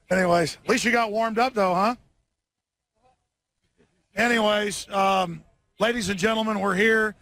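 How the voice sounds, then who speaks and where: A short-on-sleep live-stream host broadcasts from an outdoor rally, rambling sarcastically, sounding tired, and tripping over his words with lots of restarts. His high-pitched voice is steady, a bit bright, and slow with frequent pauses, in a dry recording.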